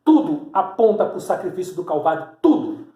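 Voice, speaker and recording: High-voiced preacher, echoey room. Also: male voice, big pitch swings, normal speed, warm tone. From Salvador, Bahia, Brazil. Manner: explains step by step, points at drawings, rhetorical questions. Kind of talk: teaching sermon with a board.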